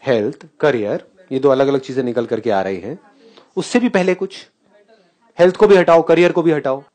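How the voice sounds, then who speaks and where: A man giving a live spiritual talk to an audience, animated and questioning, often laughing as he mixes English phrases into Hindi. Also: mid-range voice, moderate pace. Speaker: spiritual speaker.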